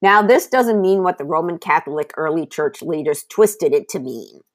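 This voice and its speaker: A woman hosting a Bible teaching podcast, telling the stories in an animated way and adding conversational asides. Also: sits low, normal speed.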